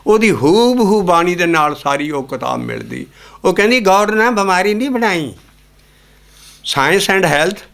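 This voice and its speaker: Male Sikh preacher, gravelly and a little high, explains the scripture and sings it. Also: fairly bright tone. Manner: explains scripture lines, then sings them. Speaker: kirtan singer and preacher. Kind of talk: Sikh sermon with hymn singing.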